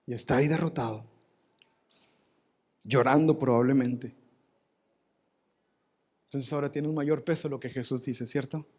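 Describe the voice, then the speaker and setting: A man preaching a live sermon in a church, animated and acting out quoted voices with humor. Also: mid-range voice, unhurried, long pauses. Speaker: pastor. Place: church sanctuary.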